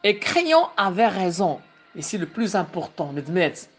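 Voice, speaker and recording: A woman, a teacher reading a play aloud slowly and deliberately and explaining it as she goes. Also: fairly low pitch, sing-song, soft background music.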